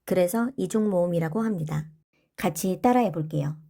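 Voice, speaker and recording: A woman's voice: lowish voice, normal speed, vocal fry, mellow. A woman teaching a pronunciation lesson, explaining rules and leading repeat-after-me drills of single sounds. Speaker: language teacher.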